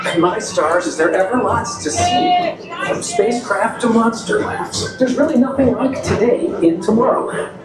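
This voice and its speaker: An actor playing a cheerful male robot tour guide, narrating the ride in a chipper, bouncy way, heard over outdoor ride loudspeakers. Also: very high voice, huge pitch swings, moderate pace, exaggerated voice. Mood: upbeat. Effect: played over outdoor ride loudspeakers. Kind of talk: scripted attraction narration. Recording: echoey loudspeaker sound from far off, music behind. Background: ride music.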